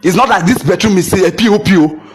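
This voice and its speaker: Fast, husky Nigerian young man ranting. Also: high-pitched, soft background music. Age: young adult. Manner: heated, repetitive rhetorical questions, mixing in Pidgin. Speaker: photographer ranting to camera. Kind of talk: impassioned rant.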